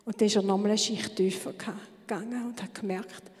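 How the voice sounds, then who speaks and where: A woman giving a fervent church testimony, sometimes dropping to a hushed whisper for emphasis. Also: medium pitch, steady tone, fairly quick. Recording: long hall reverb.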